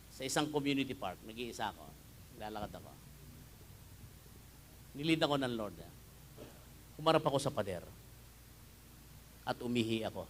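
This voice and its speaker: A male pastor with a Filipino accent preaching a sermon, mixing Tagalog and English, swinging from hushed prayer to loud emphatic bursts. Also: a little high, a little hiss or hum. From Philippines. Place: church hall.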